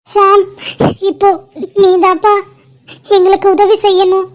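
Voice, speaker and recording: A sobbing cartoon aunt begging for help, played by a woman. Her voice is very high and thin and barely moves in melody. She keeps pleading through tears. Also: completely flat delivery, unhurried. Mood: tearful. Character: distraught aunt pleading over the phone, tearful. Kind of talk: cartoon voice acting.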